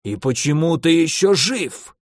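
A man voicing an ancient, irritable archmage who speaks in a slow, drawn-out growl in an audiobook. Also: a little high, animated, dry recording, studio quality. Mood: alarmed. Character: ancient irritable male archmage, stern and grumpy.

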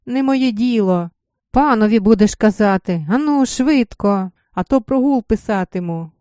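A woman voicing a bossy male estate overseer who barks orders slowly and loudly in a storybook reading. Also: high voice, clean tone, no room sound, studio quality. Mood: harsh, commanding. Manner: barking orders, slow and loud.

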